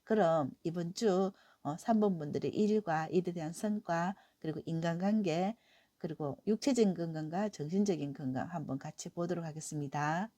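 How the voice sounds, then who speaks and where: This weekly tarot reading comes from a middle-aged woman whose cold has left her voice hoarse, low, and mellow. Speaking at normal speed, she offers warm encouragement sprinkled with gentle "eo" fillers, recorded up close with no room sound.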